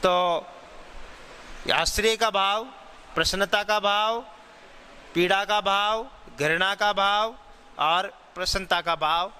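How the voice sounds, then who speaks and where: A man teaching grammar, explaining slowly, repeating key phrases and answering his own questions. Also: high voice, bright, forceful tone, clear, resonant tone. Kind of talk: classroom-style grammar lesson. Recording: long hall reverb.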